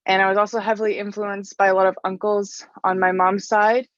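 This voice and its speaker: A young Canadian woman who works as a stone mason chats casually about her trade in an interview, filling her speech with "like." Her mid-range voice is flat and fairly quick, and the audio is dull with no room sound.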